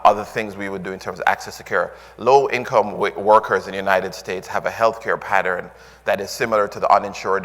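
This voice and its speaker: A man's voice: deep voice, fairly bright tone. A man with a Jamaican accent giving a conference talk, full of "um"s and restarts. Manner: filler-heavy, restarts often, earnest. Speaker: conference speaker. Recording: long hall reverb.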